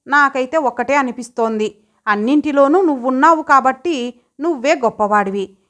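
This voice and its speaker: Woman doing young wife figure, playful, teasing, quick-tempered, lilting, higher voice. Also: a bit bright.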